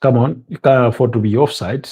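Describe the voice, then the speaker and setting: A Ugandan man with a Ugandan English accent hosts a live watch-along, chatting casually about the match in a medium-pitched, fairly quick voice. He's relaxed and conversational, dropping in plenty of ums and uhs.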